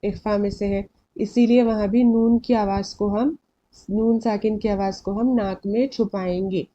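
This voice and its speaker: A woman's voice: medium pitch, steady tone, measured pace, dark tone, dull audio. A woman teaching a recitation lesson from slides, patiently repeating rules and quizzing her learners, often switching into English phrases. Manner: patient, repeats and asks questions back to learners; mixes English phrases into Hindi.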